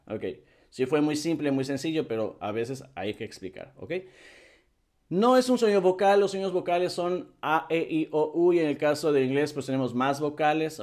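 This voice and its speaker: A man teaching English, his voice sitting a little high. He talks at an unhurried pace, drilling example words over and over and checking in with his students. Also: a little mellow. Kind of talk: explaining an English grammar lesson.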